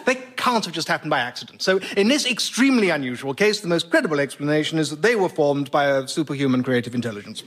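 A man's voice: fairly high pitch, animated, fast talker, hardly any pauses, a bit bright. A man playing an older science professor, earnest and lecturing.

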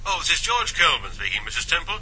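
Brisk, sharp-voiced gentleman on telephone. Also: on the high side, huge pitch swings, creaky, slightly rough, exaggerated voice, rough recording. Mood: cheerful, polite. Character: cheerful, courteous English gentleman caller on telephone. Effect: telephone filter. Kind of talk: radio drama acting.

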